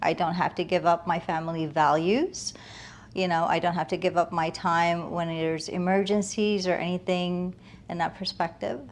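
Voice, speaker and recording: A woman realtor gives reflective, earnest interview answers conversationally, often building emphasis with short listed phrases. She's from the United States, having moved from Afghanistan as a toddler. Her fairly low voice is level at normal speed, with a little hiss or hum.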